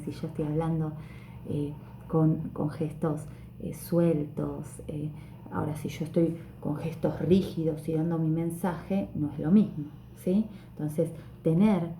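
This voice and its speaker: A woman's voice: low voice, mellow, reverberant, a little hiss or hum. A woman teacher, giving a friendly, conversational online lesson from home with many fillers and restarts. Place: room at home.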